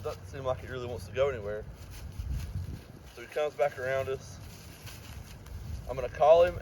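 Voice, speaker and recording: A man's voice: medium pitch, darkish tone, a little hiss or hum, poor audio. A man working as a dog trainer, explaining each step of a walk while giving his dog commands outside. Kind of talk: outdoor training demonstration.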